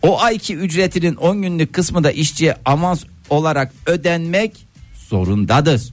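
A man's voice: fairly high pitch, lively intonation, normal speed, no room sound, faint music behind. A man hosting a casual comic radio chat, explaining things and quizzing his co-hosts playfully. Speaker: radio show host.

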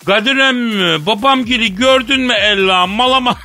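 A man's voice: extremely high pitch, moderate pace, gravelly, music in the background, pitched above the performer's own voice. A man voicing a polite young Brutus who speaks with a Tokat dialect and a pleading drawl. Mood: pleading, gossipy. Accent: Tokat dialect of Turkish.

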